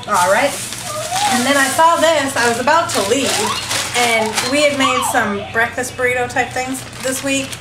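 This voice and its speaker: A woman's voice: sits high, moderate pace. A woman in her thirties rambling casually through a grocery haul in her home kitchen, filmed by a camera on the table. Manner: rambling, chatty, thrifty. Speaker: vlogger. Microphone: camera mic at table distance. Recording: echoey kitchen with background noise.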